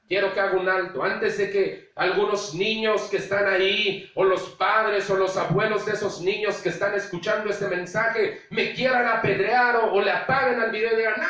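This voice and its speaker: A man's voice: sits high, pushed and bright. A man preaching a sermon as pastor, at times acting out indulgent parents. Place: church. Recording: very echoey room, distant mic.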